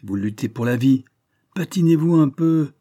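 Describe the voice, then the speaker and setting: Guy putting on a big bossy detective chief, pompous and bullying, pitched up and loud over his usual dark husky voice, dry close sound, audiobook. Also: animated, normal speed, no echo, close to an everyday voice. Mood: scolding, bossy. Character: blustering burly middle-aged male detective boss.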